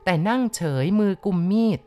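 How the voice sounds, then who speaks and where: A woman narrating a ghost story in a slow, deliberate storytelling manner. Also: muffled recording. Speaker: audiobook reader.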